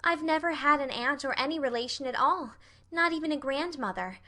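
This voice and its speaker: Woman as young orphan girl, high bright voice, earnest, dreamy, effusive, imploring, storybook character. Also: a little fast. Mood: wistful. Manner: effusive, wordy, dramatic. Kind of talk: audiobook character voice.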